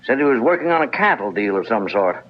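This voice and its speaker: A man's voice: lowish voice, sing-song, fast. A man playing a nervous, discreet frontier banker in a 1950s Western radio drama, speaking in a prim, formal, hesitant way. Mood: reluctant, confiding. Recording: dull, faintly hissy 1950s radio recording.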